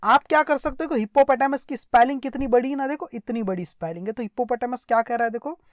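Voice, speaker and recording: A fast-talking woman with an Indian accent teaches English through a translated story, breaking it down phrase by phrase and repeating to check comprehension. Her voice is on the high side, recorded cleanly in a studio with no echo.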